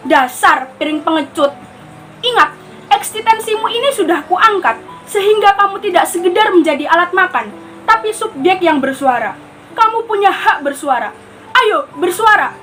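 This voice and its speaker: Performing a stage monologue, a teenage girl voices a lonely, paranoid civilian prisoner, her very high, slightly bright voice scolding and then begging, veering from pleas to threats. It's a rough recording.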